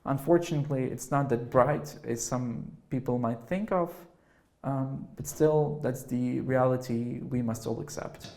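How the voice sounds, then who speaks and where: A man speaking on a panel in a measured, hesitant way with many fillers. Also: mid-range voice, mellow. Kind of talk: panel discussion talk.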